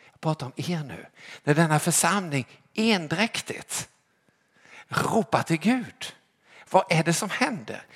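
A man preaching a sermon to his congregation, emphatic and rhetorical, often asking "right?" and swinging between loud calling out and quiet drops. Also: on the high side, slightly rough. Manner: emphatic, rhetorical, repeating "eller hur?".

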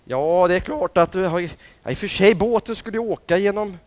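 Brief: male storyteller, light high voice, hushed whispers for suspense, questions to the kids. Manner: drops to whispers for suspense, asks listeners questions. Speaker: storyteller for children. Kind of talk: dramatic storytelling.

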